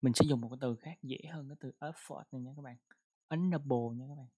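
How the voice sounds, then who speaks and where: An English pronunciation teacher in a casual online lesson, who repeats words and reads English example sentences slowly. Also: mid-range voice, warm tone, husky.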